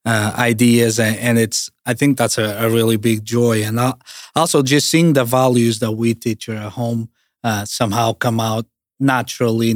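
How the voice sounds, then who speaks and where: A man speaking in an earnest, measured, reflective way, as a parent giving a testimonial. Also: lowish voice, dry recording, clean studio sound. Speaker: parent interviewee.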